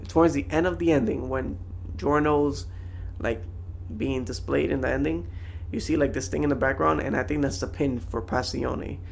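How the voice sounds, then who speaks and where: A man's voice: medium pitch, gravelly, slight background noise. A young man giving a casual, slangy, rambling anime review to viewers.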